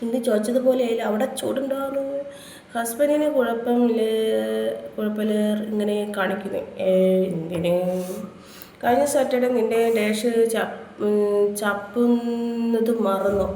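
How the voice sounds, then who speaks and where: A woman from Kerala, India chats casually on a live stream, trading crude insults with her viewers. Her voice is on the high side and dark in tone, steady and measured. The room is echoey with faint background noise.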